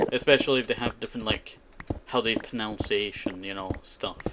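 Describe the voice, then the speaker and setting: A man with a lowish, steady voice at normal speed plays a survival game on stream, rambling casually through replies to his chat with "you know" and "I tell you" sprinkled throughout. Typing and key clicks sit behind him amid background noise.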